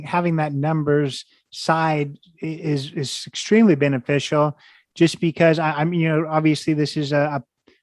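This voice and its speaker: A man's voice: a little high, no room sound. A man hosting a casual podcast interview, rambling and hesitant with many false starts. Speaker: podcast host.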